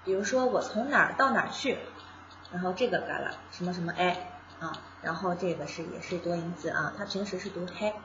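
A woman's voice: lowish voice, fairly quick, echoey room, dull audio, noisy background. A woman from China teaching a casual beginner lesson, patiently explaining each step and repeating sounds aloud. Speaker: Japanese language teacher.

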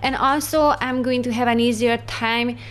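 A woman's voice: on the high side, steady tone, moderate pace. Chatty Hungarian-accented woman vlogger. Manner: chatty, searches for words. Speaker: homemaking vlogger. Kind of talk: casual voice-over narration. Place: home kitchen.

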